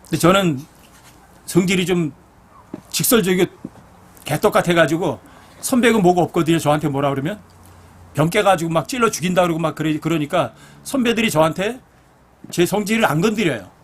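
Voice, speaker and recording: A man's voice: a little high, fairly quick, long pauses. A middle-aged man, a pastor, preaching a blunt, earnest sermon full of personal stories.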